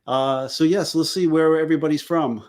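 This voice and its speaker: Joking New man, slightly high voice. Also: fairly even intonation, fairly quick, darkish tone. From New York. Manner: jokey, riffs on place names. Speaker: forensics guest. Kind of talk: casual live-stream chat.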